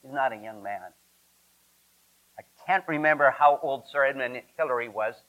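A man's voice: medium pitch, moderate pace, fairly bright tone, muffled recording. A man preaching a sermon emphatically, asking rhetorical questions and drawing out repetitions. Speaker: pastor.

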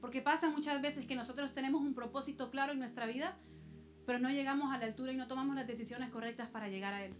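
Woman pastor, high voice, storytelling sermon with faint music underneath. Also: fairly even intonation, fast talker. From El Salvador. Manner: personal storytelling with rhetorical questions to the congregation.

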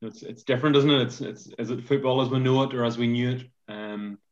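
Flat-voiced man rambling on a podcast. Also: mid-range voice, brisk, dull audio. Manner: rambling, repeats words, flat delivery. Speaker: podcast panelist. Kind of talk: podcast football discussion.

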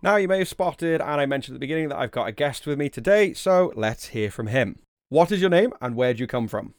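Chatty and informal, this Wirral-born host from north-west England does a podcast quiz recap and interview, adding commentary and questions. His medium-pitched voice has lively intonation and a fast pace, in studio quality without echo.

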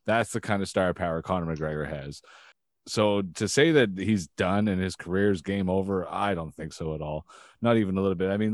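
A man co-hosting a casual sports podcast who talks in an animated way and keeps saying "you know what I'm saying". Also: sits low, no room sound, clean studio sound. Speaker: podcast co-host.

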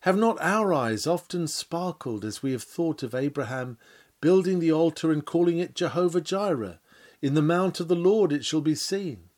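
A man's voice: a little high, lively intonation, moderate pace, a little mellow. A man delivering a sermon in solemn, old-fashioned biblical language, full of rhetorical questions. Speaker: preacher. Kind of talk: sermon reading.

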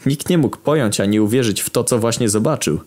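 A man reading a crude, absurd internet story aloud in a deadpan storytelling manner. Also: medium pitch, fairly quick. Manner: deadpan, crude storytelling with sudden shouted outbursts. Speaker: narrator.

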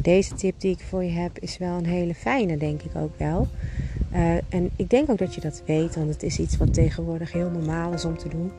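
Low-pitched Netherlands Dutch woman over music. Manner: encouraging, informal, addresses listener directly. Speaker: podcast host. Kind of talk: casual chatty guided-walk monologue. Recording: music bed under the voice. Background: prominent music.

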